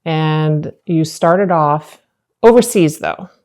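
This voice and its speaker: Low-voiced woman hosting an interview. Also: takes it slowly, darkish tone. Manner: friendly, conversational hosting with fillers. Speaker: host. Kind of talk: podcast interview.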